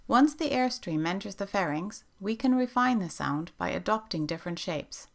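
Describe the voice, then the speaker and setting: A woman giving calm, measured scripted narration for a teacher training video. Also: medium pitch, creaky. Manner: calm, measured instructional delivery.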